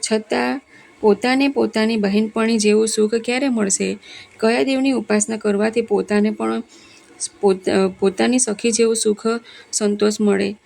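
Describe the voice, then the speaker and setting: Gravelly woman reading religious stories. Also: fairly high pitch, fairly even intonation, moderate pace, darkish tone. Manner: reads aloud with small slips and self-corrections. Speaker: devotional story reader. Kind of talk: religious scripture storytelling.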